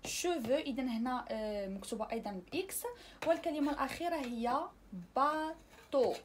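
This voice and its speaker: A woman with a Moroccan accent teaches a French lesson, her voice sitting a little high. She stretches each example word slowly so learners can repeat it. A faint hiss runs under the recording. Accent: Moroccan Arabic. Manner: slow, drawn-out demonstration of pronunciation. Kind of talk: online language lesson.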